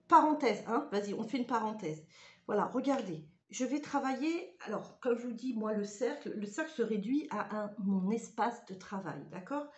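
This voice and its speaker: A woman's voice: medium pitch, darkish tone. A woman giving a casual spoken tutorial in a chatty, hesitant way, with frequent fillers. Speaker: ritual practice vlogger. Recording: roomy echoey room.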